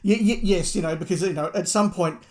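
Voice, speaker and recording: A man's voice: high-pitched, fairly quick, a little mellow. A man co-hosting a podcast, talking hesitantly and often restarting his sentences. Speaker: podcast co-host. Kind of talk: casual review chat.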